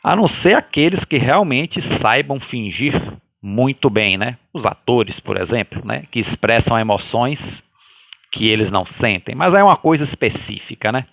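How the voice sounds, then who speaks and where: Man, brazilian portuguese accent, study leader, animated swooping pitch, dry close sound, loud talker. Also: normal speed, vocal fry, dry recording. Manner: talks loudly by habit, often asks "né?"; animated, sways between loud and soft. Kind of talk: guided religious study lecture.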